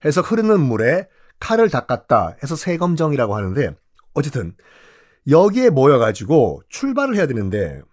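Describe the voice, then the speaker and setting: A man's voice: mid-range voice, a little mellow. A man telling a history lesson in a playful, theatrical way, asking rhetorical questions and acting out the scenes. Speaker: history lecturer. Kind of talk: comic history storytelling.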